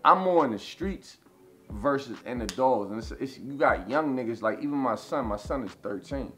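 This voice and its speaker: A man in his thirties talks through his story in a loose, rambling way, peppered with swearing and filler phrases. His voice sits at an ordinary middle pitch, with faint music playing behind him. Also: animated, normal speed, a bit bright. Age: 30s. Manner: rambling, repeats "you know what I'm saying", profane. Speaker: interview guest. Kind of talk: casual storytelling.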